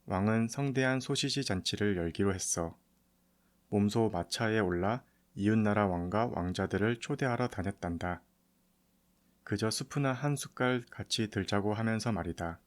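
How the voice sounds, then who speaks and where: Low-voiced man reading a bedtime storybook to children. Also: normal speed. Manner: storytelling as if to a child, in familiar speech. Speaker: audiobook narrator. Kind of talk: scripted storybook narration for bedtime.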